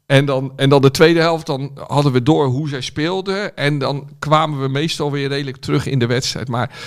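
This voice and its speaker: A man talking on a podcast panel in a gravelly, creaky voice. He spins out long stories, full of hesitations and filler sounds. His pitch sits in a middle range. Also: fairly even intonation, moderate pace. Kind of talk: casual chat.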